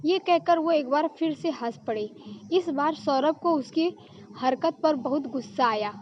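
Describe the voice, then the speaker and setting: High-voiced woman telling a story. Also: unhurried, lo-fi sound. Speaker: story narrator. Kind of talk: storytelling narration.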